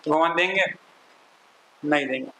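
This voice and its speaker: An Indian man leads a scripture class in a bright, slightly high voice. He switches between Hindi and English and recites Sanskrit verses. A faint hiss runs under the recording. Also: moderate pace, poor audio. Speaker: spiritual teacher.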